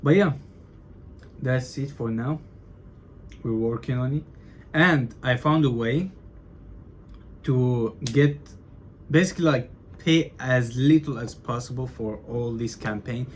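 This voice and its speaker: A young man chatting loosely to his camera, mid-pitched and unhurried, dropping fillers and restarting his sentences as he goes. Faint background noise sits under his voice. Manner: loose and chatty, says bro and like a lot, stutters. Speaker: vlogger documenting his business. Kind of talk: casual talking-to-camera vlog.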